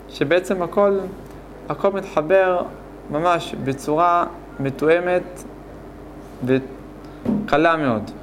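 A man gives a grammar lesson in a voice pitched a little high. He explains slowly, repeats each rule, and puts questions to his class. A faint hiss of noise sits under the recording. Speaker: Hebrew grammar teacher.

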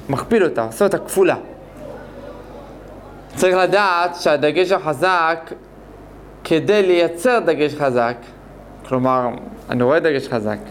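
A man gives a grammar lesson in a voice pitched a little high. He explains slowly, repeats each rule, and puts questions to his class. A faint hiss of noise sits under the recording. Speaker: Hebrew grammar teacher.

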